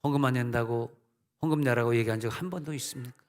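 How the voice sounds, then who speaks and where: A man's voice: medium pitch, fast. A middle-aged male senior pastor preaching a sermon, with emphatic rises and conversational asides. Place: church sanctuary. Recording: long church hall reverb.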